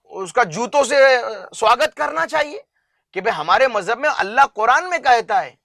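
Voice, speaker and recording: A man's voice: very high-pitched, sing-song, vocal fry, pushed and bright, no echo, clean studio sound. A man from India, an interview guest making an impassioned public appeal, earnest and emphatic, stacking up long lists of examples.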